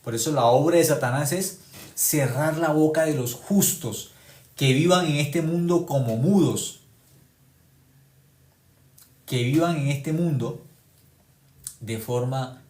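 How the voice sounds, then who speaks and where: A male preacher delivers a sermon with strong emphasis, repeating key phrases. He moves between loud exclamations and quiet, low remarks. His voice sits at a medium pitch and rings in a roomy, echoing space. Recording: echoey room.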